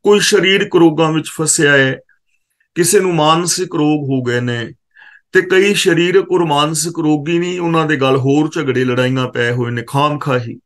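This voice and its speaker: A man from Punjab gives a katha scripture exposition, his voice sitting slightly high for a man. He chants each verse in a slow, drawn-out way, then explains it word by word in a teaching tone, pausing to correct how the words are pronounced. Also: fairly bright tone. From Punjab, India.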